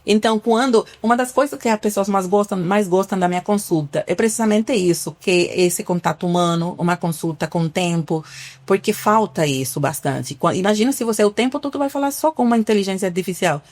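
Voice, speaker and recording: This Cuban family doctor has a mid-range, darkish voice and speaks fairly quickly. In her podcast interview she is earnest, uses patient examples to explain, and restarts a few times, all with a Cuban Spanish accent.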